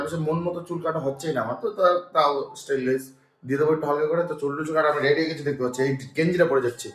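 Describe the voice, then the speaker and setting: A hoarse young man with a cold, vlogging from home on a phone and chatting straight to his viewers. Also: fairly high pitch, a little hiss or hum. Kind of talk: casual daily vlog. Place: at home, indoors.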